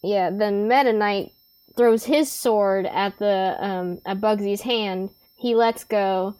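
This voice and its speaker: A woman's voice: mid-range voice, slow, a little mellow, smooth. A woman co-hosting a casual podcast, laid-back, mostly giving short reactions. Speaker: podcast co-host. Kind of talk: casual chat.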